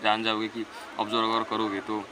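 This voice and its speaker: A teen boy on the low side of pitch delivers his self-improvement advice briskly and completely flat. He's earnest but rambling and repetitive in this casual monologue, recorded with a noisy background.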